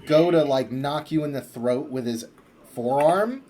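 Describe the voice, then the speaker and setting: A man's voice: fairly high pitch, unhurried, dark tone, a little hiss or hum. Rambling young male game master. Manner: loose, rambling narration with many fillers. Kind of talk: narrating a tabletop game.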